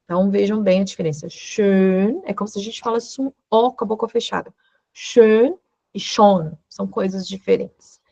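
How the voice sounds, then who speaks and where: A woman's voice: medium pitch, normal speed, gravelly, mellow, no echo, lo-fi sound. A woman teaching an online lesson, explaining patiently and checking in with short questions. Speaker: law teacher giving a German course.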